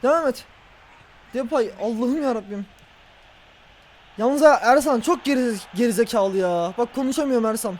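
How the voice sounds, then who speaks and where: A man playing a football video game and reacting out loud, groaning and shouting at the referee and his players. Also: very high voice, normal speed, pauses often, a little hiss or hum. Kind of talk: casual let's-play reaction.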